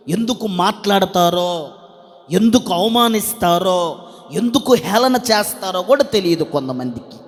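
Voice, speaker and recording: A man's voice: high-pitched, big-room sound. A male pastor, preaching emphatically with repeated refrains and calling on the congregation to answer. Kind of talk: sermon.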